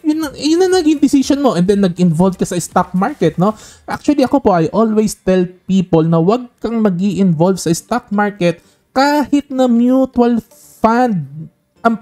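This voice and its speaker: A man's voice: high voice, dark tone. A man hosting an investing channel, talking casually to camera with a frequent tag question and English phrases mixed in. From Philippines.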